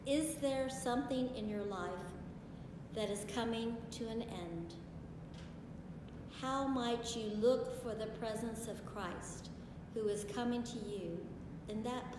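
A woman in her sixties, a pastor, delivers a sermon in a slow, deliberate cadence with long solemn pauses. Her voice sits fairly high and rings through a large stone church, picked up from a distance with a long, roomy reverb and steady background hiss. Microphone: far camera. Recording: echoey church from far off, hiss.

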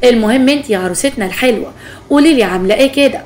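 A woman's voice: a little high, racing, a little mellow, slight background noise, natural voice. A woman voicing a chatty, gossipy young neighbor with an Egyptian Arabic accent, in a spoken story. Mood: cheerful.

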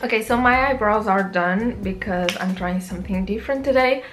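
Speaking at a moderate pace in a mid-range, slightly bright voice, a young woman with a Portuguese accent walks through her makeup routine as a beauty vlogger. Soft music plays in her small bedroom while the camera sits close, and her chatter wanders into asides and frequent self-corrections.

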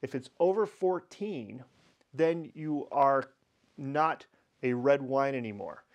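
A man hosting a wine tasting lesson, explaining in a relaxed, chatty way with pauses and fillers. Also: mid-range voice. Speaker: wine educator host.

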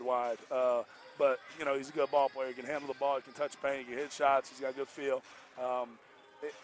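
A man with a medium-pitched, somewhat bright voice and an American accent speaks as a basketball coach in a post-game interview. Using a headset courtside in an indoor arena, he talks casually and emphatically, repeating his points colloquially.

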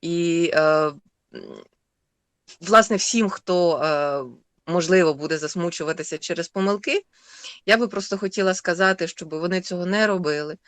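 A woman, the author of a text, talking thoughtfully on a radio show with many pauses and fillers. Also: on the low side, no room sound. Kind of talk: radio studio discussion.

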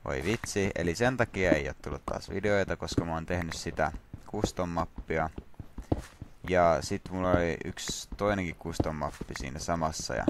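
A man's voice: low voice, background noise. A man casually commenting on his own gameplay, rambling and self-mocking with lots of fillers. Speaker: gaming channel host. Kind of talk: casual Minecraft let's play commentary.

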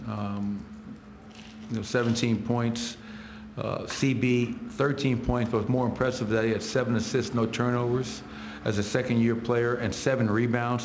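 After the game, a middle-aged man who serves as head coach takes reporters' questions in the arena press room, rattling off numbers in curt phrases at the table microphones. He has a mid-range voice, the space is reverberant, and there's slight background noise.

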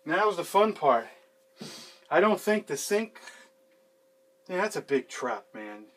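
His voice sits on the high side, sing-song and fairly bright, and he takes things at a slow pace. A handyman in his thirties, he works on a sink in a small basement room, chatting casually, rambling, and swearing freely for a how-to video, with a fixed camera a few feet off recording his running commentary.

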